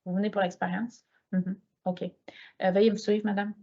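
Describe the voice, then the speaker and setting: A woman's voice: medium pitch, flat delivery, moderate pace, warm tone, dull audio, close to an everyday voice. A woman with a Quebec French accent voicing a brusque, cold male lab researcher in a lecture anecdote. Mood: curt.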